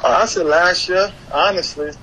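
A young man with a high-pitched, pushed and bright voice chats at a moderate pace as an interview guest. He's a hip-hop artist from Haiti who moved to the US at eleven and lives in Florida, and he's slangy, repetitive and fond of "you know what I'm saying." The recording has clearly noisy background ambience.

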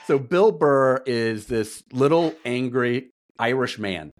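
A middle-aged man co-hosting a podcast in casual chat, with relaxed, easygoing banter. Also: mid-range voice, slow, a little hiss or hum. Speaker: podcast co-host.

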